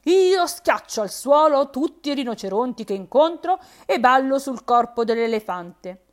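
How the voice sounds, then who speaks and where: A woman voicing a tiny caterpillar who boasts loudly that he is a fearsome warrior. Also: high voice, sing-song, moderate pace. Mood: boastful. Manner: bragging, loud, declamatory.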